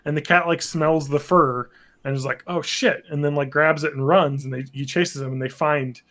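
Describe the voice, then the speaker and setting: A man's voice: on the high side, fairly even intonation, normal speed, a bit bright. A man co-hosting a podcast, chatting casually and rambling, swearing freely and laughing often. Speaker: podcast co-host. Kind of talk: casual chat.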